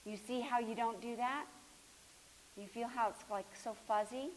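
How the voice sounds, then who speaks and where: A woman teaching a floor movement class, coaching students by name with steady encouragement and sometimes dropping to a near whisper. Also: a little high, moderate pace. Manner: drops to a near whisper at times. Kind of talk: live class instruction. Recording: hissy recording in a reverberant hall.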